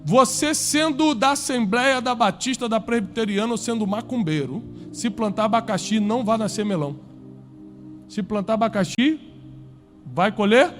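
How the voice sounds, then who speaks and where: Man, sermon, high voice, emphatic preaching, faint music behind. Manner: emphatic preaching, rising to loud peaks and dropping low. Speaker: pastor. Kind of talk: sermon to a live congregation.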